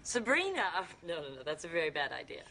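A woman's voice: fairly low pitch, huge pitch swings, quick pace, pushed and bright, a little hiss or hum, exaggerated voice. A woman playing a fussy, easily exasperated witch aunt in a sitcom, with a prim manner. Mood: worried, fussy. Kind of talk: sitcom acting.

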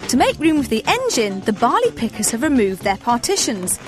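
A woman's voice: fairly high pitch, sing-song, brisk. A woman delivering scripted television narration. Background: music.

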